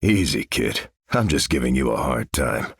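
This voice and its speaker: A man's voice: very deep voice, sing-song, normal speed, husky, dry recording, clean studio sound, full character voice. An American man playing Captain America, a stalwart veteran soldier hero and earnest, commanding leader in a video game. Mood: earnest, measured. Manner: earnest, commanding, military phrasing. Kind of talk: video game character voice lines.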